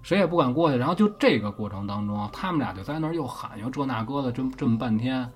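A man's voice: medium pitch, animated, quick pace, breathy edge. A man with a Beijing accent casually telling a ghost story as host, swearing offhandedly and often checking that the listener follows.

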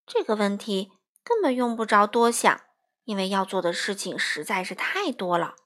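A woman narrating a children's picture book in a lively, expressive storytelling manner. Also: medium pitch, normal speed.

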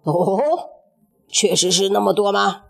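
A woman's voice: medium pitch, steady tone, unhurried, vocal fry, voice pushed down. A woman playing a haughty boastful king. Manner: haughty, commanding. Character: arrogant boastful king, adult man.

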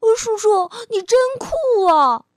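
Crybaby baby dinosaur for a picture book: tiny, sweet, tearful, read by a woman, high and unhurried. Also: lively intonation, dry recording, clean studio sound, heavily acted. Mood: delighted. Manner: childlike, eager, easily tearful. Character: small weepy baby spinosaurus child, sweet. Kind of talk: children's storybook reading.

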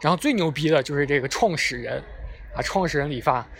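A man's voice: fairly high pitch, expressive, quick pace, a bit bright. A young man casually telling a funny story, chatty and self-mocking, talking outdoors near traffic. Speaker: vlogger. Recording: clear street and traffic noise behind. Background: passing vehicles.

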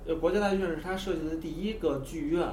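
Casting: male interview host, casual and fast, picked up from afar with clear noise. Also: fairly high pitch, darkish tone. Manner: colloquial, mixes in English words. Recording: roomy, distant mic, noisy background.

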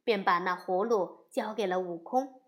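Slow, expressive woman storyteller. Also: mid-range voice. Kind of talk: storybook narration.

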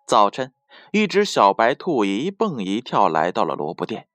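A man narrating a children's bedtime story in a slow, gentle, soothing voice. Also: fairly low pitch, wildly swooping pitch, dry recording.

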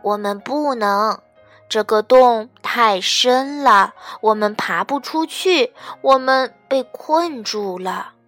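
A woman's voice: on the high side, very animated, a little slow, pushed and bright, soft background music, heavily acted. Woman voicing a bossy, determined little frog. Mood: calm.

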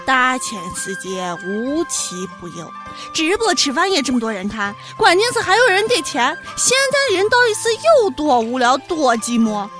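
A woman's voice: high-pitched, very animated, normal speed, over music. A woman co-hosting with scripted, sarcastic satirical commentary. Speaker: co-host.

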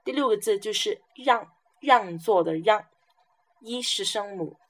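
A language teacher from southern China leads a pronunciation lesson, saying each syllable and example word several times over. She speaks at a measured pace with a medium pitch.

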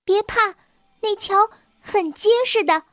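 A woman doing a little mouse girl, high and bright. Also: takes it slowly, dry recording, clean studio sound, exaggerated voice. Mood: encouraging. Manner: bright, raised and encouraging. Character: little female mouse, eager and reassuring.

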